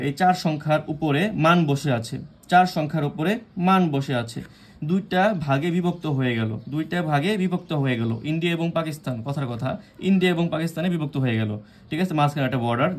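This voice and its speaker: Young Bangladeshi male teacher, a touch high-pitched, repetitive quiz-style explaining with hesitant fillers. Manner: repeats points and quizzes listeners with questions; hesitant, frequent fillers and restarts. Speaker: Korean language teacher. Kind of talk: explanatory lesson.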